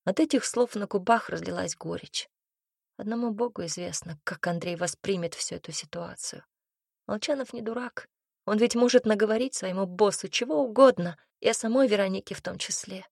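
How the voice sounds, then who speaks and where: A woman narrating a romance novel in an even, measured reading voice. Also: medium pitch, vocal fry, dry recording, studio quality. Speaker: audiobook narrator. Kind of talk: scripted narration.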